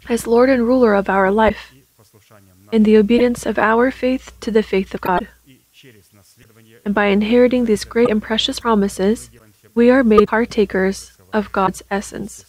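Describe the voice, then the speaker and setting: A woman delivering formal prayer and sermon in a solemn, measured, reverent manner. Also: fairly high pitch, darkish tone, low-quality recording.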